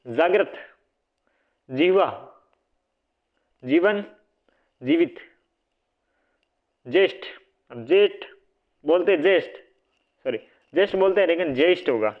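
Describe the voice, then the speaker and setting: Hindi teacher quizzing word spellings. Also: male voice, high-pitched, a little slow, pauses often. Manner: repeats words, quizzes listeners with "what will it be?"; self-correcting, casual asides. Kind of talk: online exam-prep lesson. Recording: phone-like narrow band audio.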